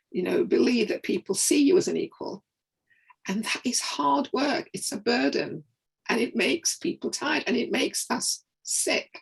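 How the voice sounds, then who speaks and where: Gravelly, husky-voiced woman panelist. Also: mid-range voice, low-quality recording. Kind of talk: webinar panel discussion.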